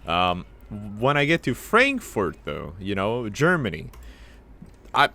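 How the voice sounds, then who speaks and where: A young American man chats casually as a podcast co-host, his voice sitting very low. He rambles through his story, stopping and restarting with plenty of fillers. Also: big pitch swings, takes it slowly, gravelly, pushed and bright. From United States. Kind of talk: casual chat.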